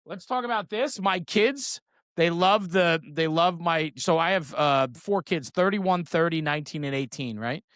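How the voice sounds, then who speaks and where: Informal and enthusiastic, a middle-aged trading card brand founder shows off items as a guest, using slang and repeatedly checking for agreement. His voice is a little high and a bit bright at normal speed, recorded cleanly in a studio with no echo.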